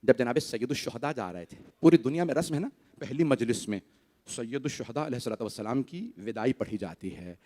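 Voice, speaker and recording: A male cleric giving a Muharram majlis sermon, speaking straight to the gathering and reciting a mournful lament that swells into loud, drawn-out wailing. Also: mid-range voice, lively intonation. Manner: chanted, grieving delivery rising to loud, drawn-out wails; addresses the gathering directly.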